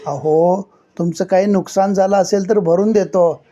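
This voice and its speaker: A man voicing a humble, polite father who speaks calmly and apologetically, in a story reading. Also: high-pitched, a little slow, dull audio.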